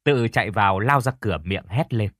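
A man narrating an audiobook story in a steady, measured way. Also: on the low side, no echo, studio quality.

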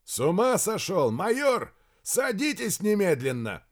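A man voicing a gruff, exasperated army colonel who shouts insistently. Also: high voice, sing-song, unhurried, voice pushed up.

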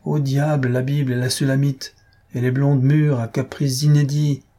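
A man reading a literary short story aloud as an audiobook narrator, with a measured delivery. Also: mid-range voice, flat delivery, mellow. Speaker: audiobook reader.

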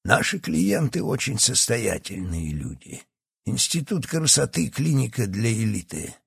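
A gravelly old villain doctor. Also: male voice, mid-range voice, very animated, unhurried, a bit bright, no room sound, clean studio sound, heavily acted. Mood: cold. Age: over 60. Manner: condescending, sly. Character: scheming old male doctor, secretly a villainous professor. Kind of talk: audiobook character acting.

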